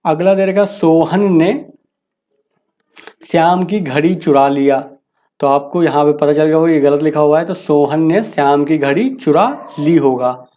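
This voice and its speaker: A man teaching a grammar lesson, reading each sentence slowly and then explaining the correction casually. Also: on the high side, mellow.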